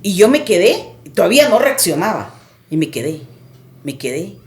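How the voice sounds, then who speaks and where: A woman's voice: medium pitch, very animated, normal speed, roomy sound. A woman guest on a podcast recounting a personal experience in vivid, dramatic storytelling.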